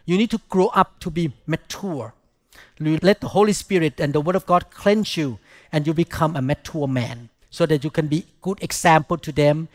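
Older male preacher, Thai accent, high voice, dry close sound, emphatic short phrasing. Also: normal speed, no room sound. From Thailand. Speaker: pastor preaching. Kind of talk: sermon.

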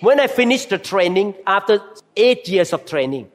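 An older man with a Thai accent preaches a testimony in short, emphatic phrases. His voice sits high, and he speaks slowly and deliberately. A long echo from the church hall trails his words. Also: big pitch swings. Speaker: guest speaker giving testimony. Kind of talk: sermon testimony, interpreted.

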